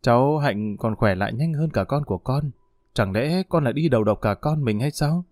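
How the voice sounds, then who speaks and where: A scheming stepmother, pleading and self-pitying, as a male storyteller puts her on. The voice is warm and mellow with a lively, rising and falling pitch, recorded dry and close. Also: normal speed, no echo, lightly acted. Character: scheming tearful stepmother, a young wife.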